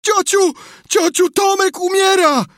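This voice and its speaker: A man's voice: extremely high pitch, fairly even intonation, unhurried, a bit bright, no echo, clean studio sound, voice pushed up. A man doing a frantic, pleading young boy. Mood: panicked. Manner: pleading, alarmed.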